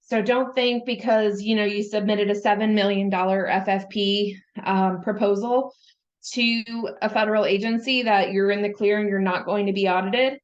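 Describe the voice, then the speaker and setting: A woman's voice: medium pitch, steady tone, moderate pace, highs cut off. A woman giving a webinar presentation, explaining slide by slide in a conversational way with many fillers. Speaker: presenter on government contract auditing.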